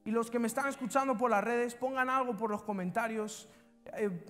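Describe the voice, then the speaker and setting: A man's voice: very high-pitched, moderate pace, fairly bright tone. A man preaching a fervent sermon, calling his congregation to repeat lines after him. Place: church hall. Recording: reverberant church hall with music.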